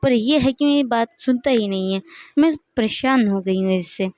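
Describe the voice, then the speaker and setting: A woman's voice: on the high side, moderate pace, a little mellow, no echo, lightly acted. A woman voicing a worried, strict middle-aged mother who scolds her son in a storybook reading. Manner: scolding, fretful.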